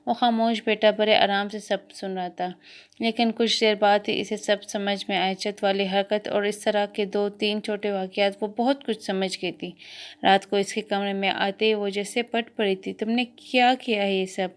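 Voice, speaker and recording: A woman reading a romance novel aloud as an audiobook, in a steady storytelling manner. Her voice is smooth and clear at a middle pitch. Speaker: audiobook narrator. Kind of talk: scripted narration.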